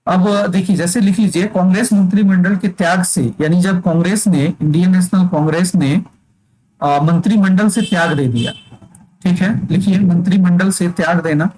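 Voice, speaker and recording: A man's voice: sits high, fairly even intonation, moderate pace, darkish tone, rough recording. A male teacher giving an exam-prep lecture, dictating points for students to write down and checking that they follow.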